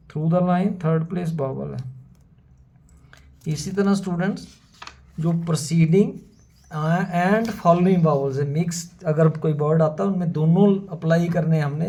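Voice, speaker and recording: Slow gravelly shorthand teacher. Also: male voice, on the high side, dark tone. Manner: methodical, repeats words slowly for students. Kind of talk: whiteboard lesson explanation. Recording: dull lo-fi sound.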